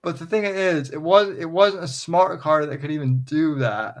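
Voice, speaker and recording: A man co-hosting a casual podcast chat, halting and repeating words as he gets his sentences started. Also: a little high.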